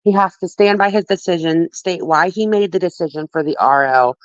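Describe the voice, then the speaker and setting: A woman with a lowish, brisk voice co-hosts a livestream, drifting through casual gossip with lots of laughter and free swearing. There's no room sound, and the audio is dull, dry lo-fi stream quality.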